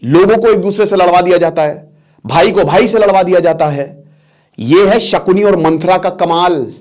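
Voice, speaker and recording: Brief: male teacher, storytelling lesson, high voice, chatty explainer who checks in with students. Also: moderate pace, darkish tone. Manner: explains as he goes, mixes in English words, checks if students follow.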